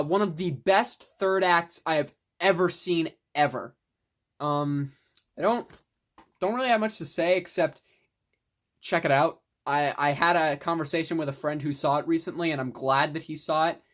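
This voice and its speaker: Young adult, casual film review vlog, rambling, enthusiastic, mild swearing, middle pitch. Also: normal speed. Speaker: film collector vlogger.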